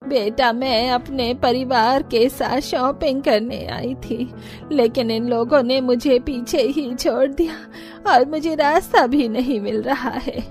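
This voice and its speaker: A woman voicing a kindly older grandmother in a cartoon, speaking slowly and gently. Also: high-pitched, soft background music. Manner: slow, gentle and pleading. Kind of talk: cartoon voice acting.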